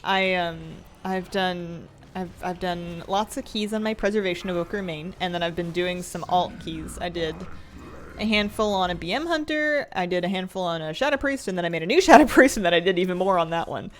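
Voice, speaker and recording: A woman's voice: on the low side, a little fast, slight background noise. A woman livestreaming a game, chatting casually and playfully with viewers and musing aloud as she plays. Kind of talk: casual livestream chat with viewers while gaming.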